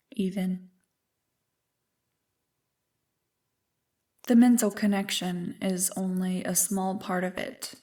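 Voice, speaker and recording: Far from the mic and in a natural voice, a woman roleplays an ancient evil spirit for ASMR, intimate and menacing in mood. Her medium-pitched feminine voice moves slowly and deliberately, teasing and taunting with seductive, smug condescension.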